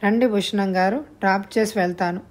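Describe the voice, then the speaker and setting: A brooding, remorseful rich young man from a spoken storybook, as a woman narrator puts him on. He speaks politely and earnestly, his tone plain and measured. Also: high voice, fairly even intonation, natural voice.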